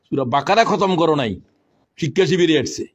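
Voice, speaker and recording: A man preaching a fiery sermon, his voice sitting somewhat high. He swings from shouted rebukes to hushed, solemn asides. He fires questions at the listeners. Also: lively intonation, normal speed, breathy edge. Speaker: Islamic preacher.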